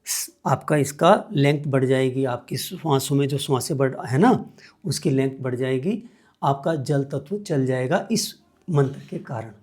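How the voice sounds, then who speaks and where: A man's voice: mid-range voice, measured pace, darkish tone. A man teaching meditation as a guest, explaining each step patiently and repeating key points. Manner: patient, repetitive step-by-step instruction.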